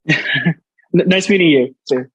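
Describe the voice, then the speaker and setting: This Dominican man in his twenties, a native Spanish speaker, appears as an artist guest in a casual interview. His voice is a little high and a bit bright, and he speaks slowly and hesitantly, often filling gaps with "like" and "you know."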